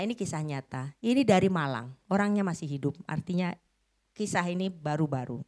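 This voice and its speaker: A middle-aged woman preaching a sermon, telling a story dramatically and swinging between loud bursts and hushed lines. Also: on the low side.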